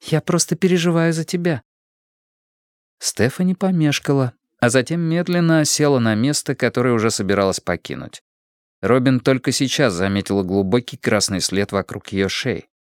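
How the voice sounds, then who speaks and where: A man narrating an audiobook in an expressive reading voice. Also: mid-range voice, normal speed, no room sound, studio quality.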